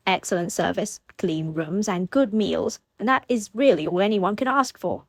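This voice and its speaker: A woman's voice: mid-range voice, moderate pace, no room sound, close to an everyday voice. Woman reading frank jovial young lord Ned. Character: frank good-humored young male lord.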